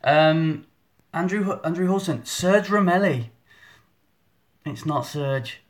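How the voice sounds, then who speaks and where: A chatty man answering viewers live into his phone, self-deprecating and quick to restart his sentences. His voice sits a little high for a man. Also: expressive. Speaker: photographer hosting a live stream. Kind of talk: live stream Q&A chat. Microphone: phone in selfie mode.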